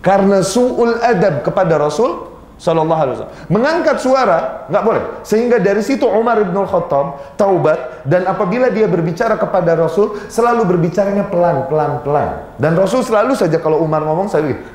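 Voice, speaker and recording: A man's voice: high-pitched, a little fast, a little mellow. A man preaching an Islamic sermon, telling stories animatedly, acting out quoted dialogue and reciting Arabic passages. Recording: roomy hall sound.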